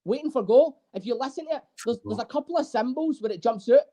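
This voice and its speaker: A man, a guest drummer, telling animated, swear-filled stories in a casual interview. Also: very high voice, fast. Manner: animated storyteller, swears freely.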